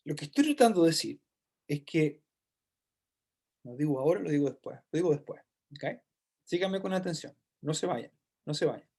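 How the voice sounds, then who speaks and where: A man's voice: on the high side, lively intonation, moderate pace, vocal fry, long pauses, darkish tone, husky. A man giving a Bible study lecture, explaining step by step, repeating key phrases and checking in with his listeners. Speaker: Bible teacher.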